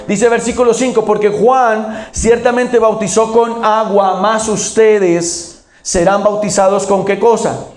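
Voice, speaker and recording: Male pastor, high voice, call-and-response preaching, roomy church sound. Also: a little mellow. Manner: asks the congregation questions and answers them himself. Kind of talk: sermon.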